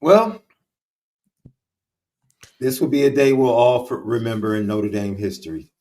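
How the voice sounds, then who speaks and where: A man's voice: mid-range voice, measured pace, darkish tone. A man co-hosting a live sports talk show, chiming in with brief remarks. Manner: brief agreeing interjections. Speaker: podcast co-host.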